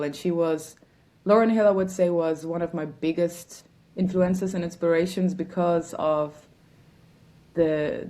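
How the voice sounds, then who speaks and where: A woman's voice: lowish voice, mellow. A woman from Germany, a musician guest answering interview questions reflectively and searching for words.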